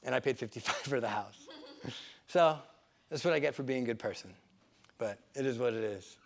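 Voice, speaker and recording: Man, real estate seminar teacher, gravelly voice, casual and rambling, average pitch. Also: moderate pace. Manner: conversational, rambling, lots of fillers and restarts.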